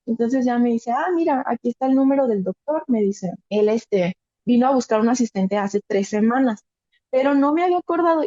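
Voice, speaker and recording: A woman's voice: on the high side, dark tone, dry recording, lo-fi sound. A woman giving a personal testimony in an earnest storytelling manner, acting out the dialogue she recalls. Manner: earnest, acts out quoted dialogue.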